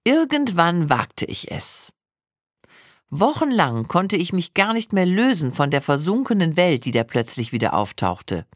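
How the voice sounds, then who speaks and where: A woman in her sixties narrating her own memoir with reflective, expressive storytelling. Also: fairly low pitch, unhurried, no echo, studio quality. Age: 60s.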